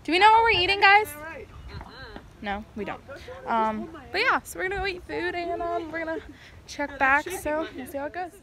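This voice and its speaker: A woman's voice: extremely high pitch, expressive, moderate pace, sharp tone. A young woman vlogging from a car into a phone at arm's length, talking casually with lots of fillers and an exasperated tone. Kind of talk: casual vlog chat. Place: inside a car. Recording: car noise behind.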